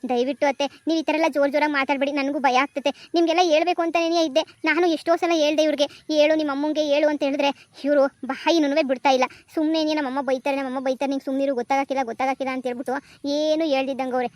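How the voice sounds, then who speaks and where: A woman's voice: sits high, steady tone, fast, no room sound, close to an everyday voice. A woman voicing a timid young newlywed wife in a cartoon comedy, pleading politely. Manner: pleading, soft-spoken.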